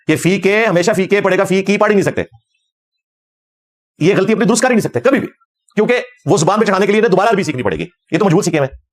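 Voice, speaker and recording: Middle-aged male religious scholar, combative lecture delivery at a quick pace. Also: high voice. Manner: combative, fervent, quotes Arabic verses.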